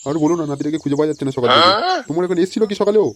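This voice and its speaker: For an amateur, home-made cartoon dub, a male actor voices a fretful, foul-mouthed grandfather searching for his missing grandson. He speaks very fast in a natural, slightly high voice, sounding anxious, scolding, blunt, and excitable, over a noisy recording.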